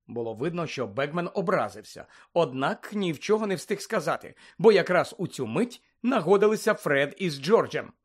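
A man narrating a story aloud in a calm, even reading voice. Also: a little high, normal speed, few pauses, slightly rough. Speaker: audiobook narrator.

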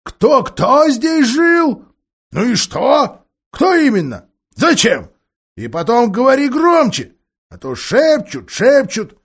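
A man's voice: very high voice, wildly swooping pitch, takes it slowly, husky, voice pushed up, heavily acted. A man voicing a grumpy, half-deaf old male dwarf lord who grumbles and mishears words.

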